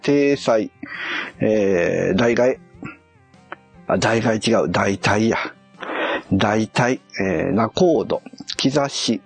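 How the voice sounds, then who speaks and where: A man's voice: on the low side, extremely slow, vocal fry, pauses often, husky, soft background music. A man on a casual live stream, muttering and puzzling aloud as he reads a kanji quiz and corrects himself.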